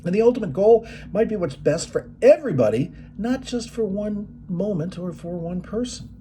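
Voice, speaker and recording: A man's voice: high-pitched, expressive, normal speed, dark tone, slight background noise. A middle-aged man giving a motivational presentation, telling movie stories in a folksy way. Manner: folksy storytelling, quoting movie lines.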